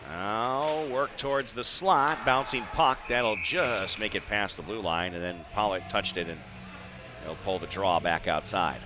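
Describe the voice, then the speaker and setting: In an unhurried, low-leaning voice, an American man narrates live hockey play-by-play using brief, clipped, conversational phrases. The live arena broadcast has clear background noise.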